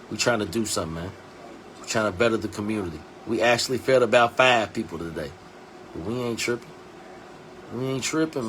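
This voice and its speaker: Man, 40s, stream host. Blunt, preachy, streetwise; mid-pitched voice, faint background noise. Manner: blunt, preachy, streetwise slang, drops low and quiet to drive points home. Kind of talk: casual live stream talk.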